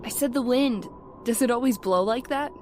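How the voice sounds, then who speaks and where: A woman's voice: fairly high pitch, moderate pace, a little mellow, close to an everyday voice. A woman playing an anxious, submissive wife in an old-time radio horror drama. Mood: uneasy, complaining. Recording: clear background noise, ambience.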